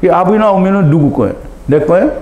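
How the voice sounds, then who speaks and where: A man preaching a sermon as a pastor, pleading and impassioned, swinging between shouts and low, urgent appeals. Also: animated, quick pace. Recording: echoey room.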